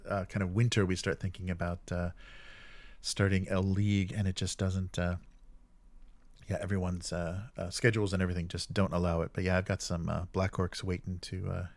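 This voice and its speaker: A man hosts a tabletop gaming livestream, chatting casually and reading viewer comments in a friendly, informal, halting way. His voice is low and level, in a dry recording.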